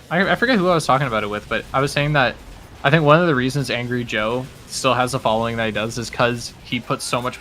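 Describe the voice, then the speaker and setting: A man's voice: mid-range voice, pushed and bright. A man hosting a casual gaming stream, rambling with lots of fillers and swearing freely. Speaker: host.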